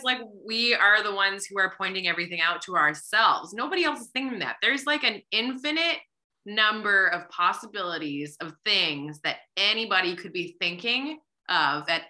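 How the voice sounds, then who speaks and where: This thirties-aged podcast host speaks at medium pitch and a moderate pace, expressive, with a bright, forceful tone. She's reflective and chatty in a casual interview, leaning heavily on "like".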